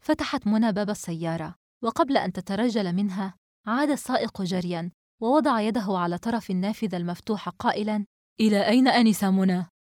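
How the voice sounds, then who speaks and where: A woman narrating a novel as an audiobook, in a steady, even storytelling manner. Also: mid-range voice, fast talker, no echo, clean studio sound.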